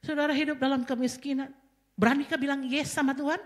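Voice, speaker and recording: A middle-aged woman pastor, preaching with passion and swinging from soft asides to loud cries. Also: sits high, fairly even intonation, fast talker. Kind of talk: sermon.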